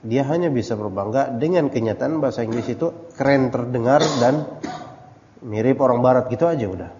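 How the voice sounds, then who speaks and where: A man's voice: mid-range voice, brisk, background noise. A male religious teacher giving a casual, digressive study lecture to a live audience, mixing Arabic terms and English words into his talk and questioning listeners. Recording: echoey hall, dull lo-fi audio.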